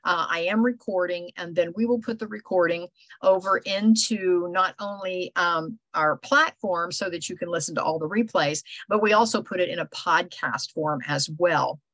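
A woman's voice: lowish voice, normal speed, fairly bright tone, no echo, poor audio. An older woman, hosting a casual video call meetup, chatty and rambling with lots of fillers. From Ohio. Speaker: host. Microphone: video call microphone.

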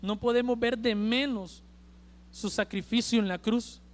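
High-voiced Honduran preacher man. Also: steady tone, a little slow. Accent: Honduran Spanish. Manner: emphatic, swings between loud and hushed. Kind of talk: sermon. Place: church service.

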